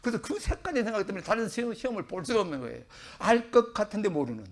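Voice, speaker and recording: Brief: middle-aged pastor from Korea, slightly high voice with a gravelly edge, conversational sermon with loud bursts of emphasis. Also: male voice, sing-song, racing. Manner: chatty, self-joking preacher with sudden loud emphasis. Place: church sanctuary.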